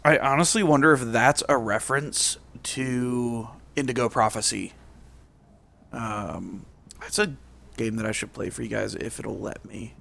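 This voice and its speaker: Gravelly, tired male streamer. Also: mid-range voice, fairly even intonation, measured pace, fairly bright tone. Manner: laid-back and profane. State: tired, yawning. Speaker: game streamer. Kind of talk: casual gameplay commentary.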